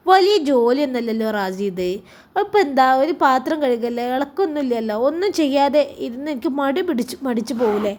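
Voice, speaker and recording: A woman voicing a gently coaxing young wife. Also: high voice, animated, fairly quick. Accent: Malappuram Malayalam.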